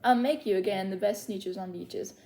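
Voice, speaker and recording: A woman's voice: mid-range voice, moderate pace, noisy background, close to an everyday voice. A woman voicing a slick travelling salesman in a storybook, with persuasive sales patter. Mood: coaxing, sly. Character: Sylvester McMonkey McBean, slick fast-talking travelling salesman.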